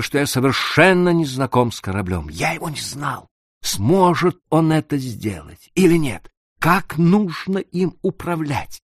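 A man reading a tense sea story aloud as narrator, measured and dropping to a hush at tense moments. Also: mid-range voice, dry recording, studio quality. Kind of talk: dramatic audiobook narration.

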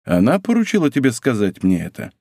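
A man's voice: medium pitch, huge pitch swings, gravelly, a little mellow, no room sound, clean studio sound, exaggerated voice. A man reading an audiobook voices a proud, hot-tempered young male nobleman. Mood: proud, wry. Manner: proud, quick to flare up.

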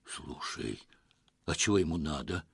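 A man voicing a terrified, timid village man who speaks in hushed tones in an audiobook story. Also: fairly low pitch, lively intonation, slow pace, vocal fry, breathy edge, no room sound, studio quality, full character voice. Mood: frightened. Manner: hushed, frightened.

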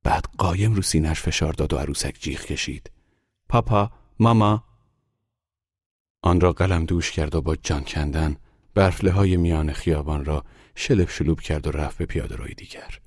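A man reading a literary short story aloud in slow, measured audiobook narration. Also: very deep voice, fairly even intonation, darkish tone, breathy edge, no room sound, clean studio sound.

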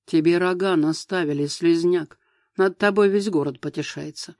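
A man's voice: fairly high pitch, a little mellow, no room sound, studio quality, lightly acted. A man voicing a domineering middle-aged mother-in-law in an audiobook, speaking harshly and emphatically. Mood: berating. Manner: harsh, reproachful, slow and emphatic.

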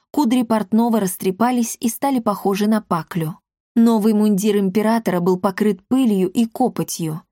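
Brief: woman audiobook reader, mid pitch, dry studio sound. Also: mellow, no room sound. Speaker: audiobook narrator. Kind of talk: scripted narration.

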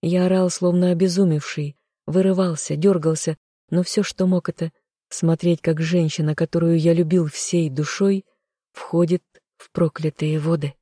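Even, dark-toned audiobook narrator. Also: mid-range voice, moderate pace, dry recording, clean studio sound. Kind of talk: dramatic first-person audiobook narration.

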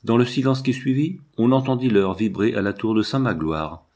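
A man narrating a novel as an audiobook reading, in a measured literary way. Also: mid-range voice, darkish tone.

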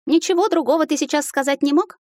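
Spirited young woman, sharp and emotional, bit higher, a lady reading her, dry close sound. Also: quick pace, dry recording, close to an everyday voice. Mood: playful. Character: spirited young woman in love, quick-tempered.

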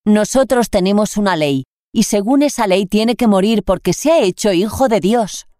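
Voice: mid-range voice, lively intonation, moderate pace, a little mellow, dry recording, studio quality, voice pushed up, close to an everyday voice. A reader with a Spain Spanish accent voicing an angry crowd of accusers in a raised, insistent way.

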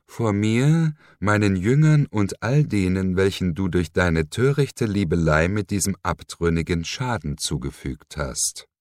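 A man's voice: low voice, lively intonation, a little slow, hardly any pauses, darkish tone, no echo, clean studio sound, voice pushed up. A man voicing a mocking, menacing villain who sneers and hisses, in an audiobook reading. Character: mocking sinister man, cold cult leader.

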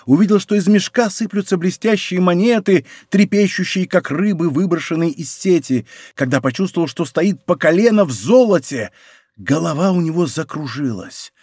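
A man narrating a historical adventure novel in expressive scripted storytelling. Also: fairly high pitch, moderate pace, breathy edge, dry recording, clean studio sound. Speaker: audiobook narrator.

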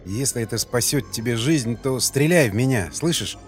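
A man's voice: mid-range voice, normal speed, close to an everyday voice. A man voicing an older father on his knees, pleading in a trembling voice over faint music.

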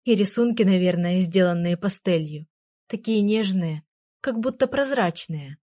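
A woman narrating a children's story in the first person, with expressive reading. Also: medium pitch, measured pace. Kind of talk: audiobook narration.

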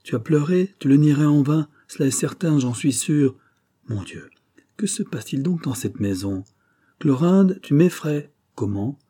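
A man's voice: fairly low pitch, very animated, normal speed, warm tone, husky. A man reading the part of a confident young married woman who scolds and questions her cousin insistently. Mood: chiding.

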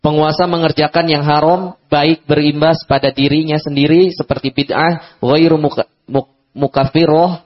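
Flat-voiced Indonesian man reading aloud. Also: on the high side, normal speed. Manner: reads flatly, stumbles on words. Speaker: lecture text reader. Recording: dull lo-fi lecture recording.

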